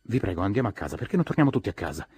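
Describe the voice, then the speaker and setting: A man's voice: on the low side, sing-song, rapid-fire, a little mellow, breathy edge, no echo. A man reading a novel aloud as an audiobook, acting out the characters' lines with a raised voice. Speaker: audiobook narrator.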